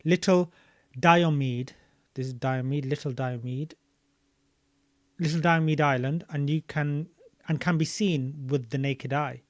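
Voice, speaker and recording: A man's voice: a little high, steady tone, unhurried, no echo. Give me a man chatting loosely as he reads, with a dry, close sound. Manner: thinking aloud while searching maps and videos, loose and chatty. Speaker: streamer reading a book aloud. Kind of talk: casual reading and commentary.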